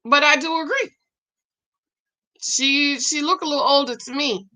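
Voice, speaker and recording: A woman's voice: high-pitched, measured pace, pushed and bright. A woman in her forties giving casual livestream commentary, reading viewer comments aloud and reacting in a sassy, chatty way. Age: 40s. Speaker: show reviewer reading live comments.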